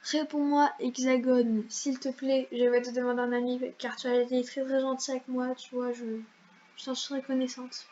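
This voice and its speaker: A woman's voice: high voice, level tone, moderate pace, a little mellow, slight background noise. A woman chatting casually over her gameplay as a YouTuber, in a slangy way full of fillers. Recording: slightly dull lo-fi mic.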